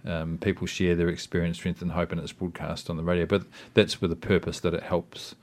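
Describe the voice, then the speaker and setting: A man with a distinctly deep, darkish voice and a New Zealand accent speaks as a guest in a casual interview, fairly quick and flat in delivery. Hesitant and reflective, he rambles as he feels his way through each thought, often restarting and padding with fillers like "you know" and "I mean."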